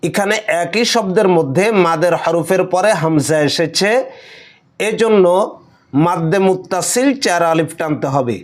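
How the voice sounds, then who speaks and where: A man's voice: high voice, normal speed. A man from Bangladesh with a Bengali accent, teaching Quran reading in a lesson, spelling out each letter and vowel mark and then blending the syllables. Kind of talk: slow spelling-out recitation lesson.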